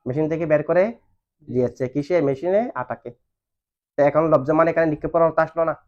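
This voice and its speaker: Male teacher, quick and slightly high, drilling students with questions; lo-fi recording. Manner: asks questions and has students answer back. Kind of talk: classroom lesson on Arabic grammar. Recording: dull lo-fi recording.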